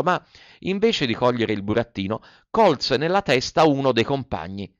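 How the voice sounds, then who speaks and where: A man's voice: medium pitch, no room sound. A man narrating a classic tale as an audiobook, telling it expressively. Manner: expressive storytelling, voices the characters. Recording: dry, slightly dull recording.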